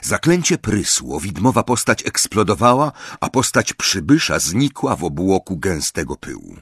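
A man narrates a storybook with a husky, low voice. His pitch moves a lot as he tells the story expressively. The recording is dry and close. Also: very animated, normal speed, fairly bright tone, no room sound. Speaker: audiobook narrator. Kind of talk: scripted narration.

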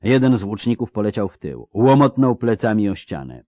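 A man narrating an audiobook in a steady, dramatic reading style. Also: lowish voice, normal speed, no room sound, muffled recording. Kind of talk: scripted narration.

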